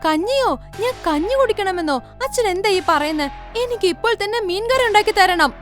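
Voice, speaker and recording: A woman's voice: steady tone, moderate pace, fairly bright tone, faint music behind. Woman doing a frightened young village girl. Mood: demanding. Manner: high, pleading, shrill when scared.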